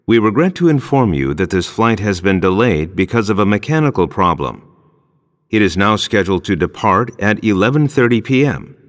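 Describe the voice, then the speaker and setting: A man playing a formal, courteous airline announcer, reading a scripted airport announcement in a measured way. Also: lowish voice. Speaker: airport announcer in a listening test. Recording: long hall reverb, public-address sound.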